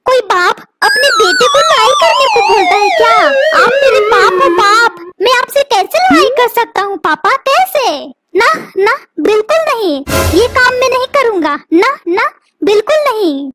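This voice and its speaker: A woman's voice: very high-pitched, big pitch swings, measured pace, full character voice. A woman voicing a mischievous cartoon son who teases his parents, with music behind. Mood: mock-innocent. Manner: teasing, cheeky. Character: cheeky young boy, mischievous son. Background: background music.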